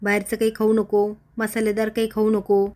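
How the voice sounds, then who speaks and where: A woman's voice: medium pitch, monotone, moderate pace, darkish tone, close to an everyday voice. Woman reading a scolding old village matriarch.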